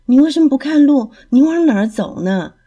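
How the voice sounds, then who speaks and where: A woman's voice: on the high side, normal speed, dull audio, voice pushed up. A woman voicing a hasty, boastful young male rabbit in a storybook reading. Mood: excited. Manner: excitable, brash.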